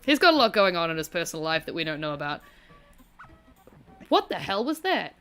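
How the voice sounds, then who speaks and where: Bright-voiced woman with broad Kiwi accent. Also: fairly low pitch, sing-song, fairly quick, clear, resonant tone, soft background music. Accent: broad rural New Zealand. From rural New Zealand. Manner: self-deprecating, sweary, rambling banter. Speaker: gaming video host. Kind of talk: casual gameplay commentary.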